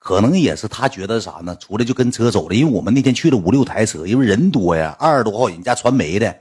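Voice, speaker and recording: A husky-voiced man tells rambling stories to his livestream viewers. He talks fast and swings his pitch widely, sounding lively and exasperated. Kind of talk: casual storytelling on a livestream.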